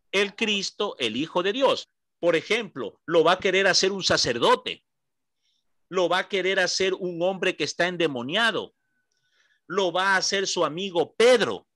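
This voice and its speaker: A man's voice: high voice, bright, forceful tone, dry recording, clean studio sound. A man with an Ecuadorian accent teaching a Bible study class, explaining patiently, repeating key points and checking that his listeners follow. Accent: Ecuadorian Spanish. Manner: explanatory, checks understanding with short questions; repeats points slowly for emphasis.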